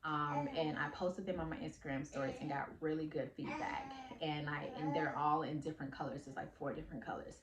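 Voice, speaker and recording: A woman fashion designer talking casually to her vlog audience, explaining her business in a chatty way with frequent fillers. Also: low voice. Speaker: independent fashion designer and vlogger. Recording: echoey room.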